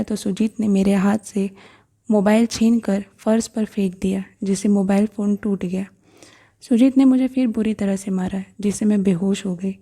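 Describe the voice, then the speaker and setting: Mellow-voiced woman narrating a story. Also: medium pitch. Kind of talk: first-person story narration.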